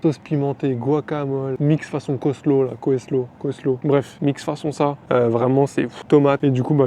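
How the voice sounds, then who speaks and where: A man's voice: mid-range voice, warm tone, slight background noise. A man vlogging casually outdoors, chatty and rambling with many fillers, on a phone camera. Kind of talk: casual daily vlog.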